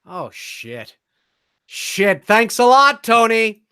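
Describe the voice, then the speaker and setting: A man's voice: very high voice, big pitch swings, very slow, sharp tone, smooth, dry recording, clean studio sound. A man in his late thirties co-hosting a live online chat show over a video call, rambling with lots of fillers and restarts. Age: 30s. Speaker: co-host. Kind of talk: casual live-stream chat.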